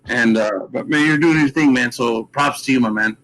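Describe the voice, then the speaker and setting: A man speaking as a guest on a radio show, chatting informally in a halting, conversational way. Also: mid-range voice, fairly bright tone, slight background noise, low-quality recording. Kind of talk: casual reminiscing chat.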